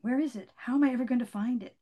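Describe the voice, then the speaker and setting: A woman's voice: on the high side, quick pace, voice pushed up, close to an everyday voice. A woman reading as an upset girl calling for her lost friend. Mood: sad. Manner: calls out loudly, pleading.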